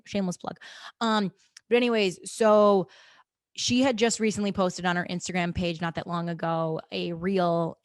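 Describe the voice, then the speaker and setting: Female podcast host, lowish voice, dry booth sound; casual pep-talk monologue, keeps asking "okay?". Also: a little mellow, no room sound. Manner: encouraging, repeats "okay?" and "guys" often.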